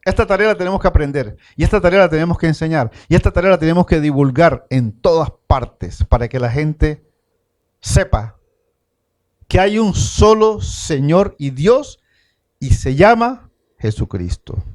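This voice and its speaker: A Colombian pastor with a fairly high voice, preaching in a Colombian Spanish accent. He piles up emphatic repeated phrases, slowing down to stress the key words. He keeps calling on his listeners to say the lines back to him. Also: expressive, a little mellow. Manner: calls the congregation to repeat declarations after him; builds emphatic repeated lists, slowing for weight. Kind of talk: sermon.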